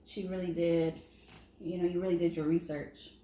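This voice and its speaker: Middle-aged female co-host, lowish voice, casual halting explainer, roomy sound with slight noise. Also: flat delivery, warm tone. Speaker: parent co-host. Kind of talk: casual chat. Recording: echoey room with faint noise.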